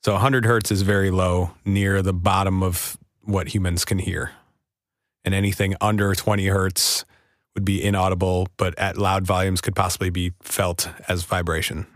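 A man with a low voice explains technical points in a casual podcast conversation and teases his co-host now and then. He speaks close to the mic in a dry, dead-sounding space. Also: level tone, moderate pace, no echo. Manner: explanatory, plays audio clips, teasing.

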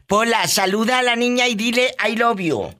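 A woman's voice: fairly high pitch, moderate pace, pushed and bright. A middle-aged Mexican woman hosting a call-in radio show, affectionate and teasing, full of exclamations toward her callers.

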